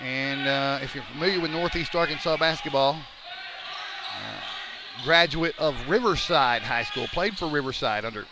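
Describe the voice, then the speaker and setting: A man's voice: mid-range voice, a little slow. A man calling a basketball game live from courtside, a little out of breath. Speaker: play-by-play sports commentator. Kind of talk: live basketball radio-style commentary. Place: courtside in a school gym during a game. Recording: clear gym noise, bouncing ball behind. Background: basketball bouncing and game noise.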